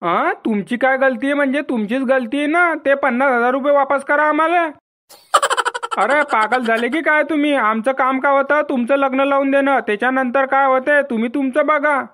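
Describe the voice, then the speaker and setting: A man's voice: very high-pitched, moderate pace, pushed and bright. A man, voicing the brash, blustering characters of a village cartoon comedy.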